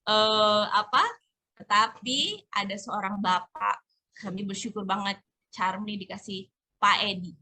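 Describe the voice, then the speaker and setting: A chatty woman hosts an informal online community webinar, speaking colloquially. Her voice is high-pitched with a sharp tone.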